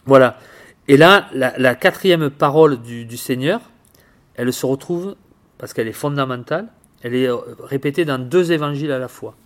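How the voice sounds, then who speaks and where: A man giving informal Bible teaching, halting and repeating words, often asking his listeners questions. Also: medium pitch. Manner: halting, repeats words, tags phrases with "hein"; addresses listeners directly with questions. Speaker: preacher.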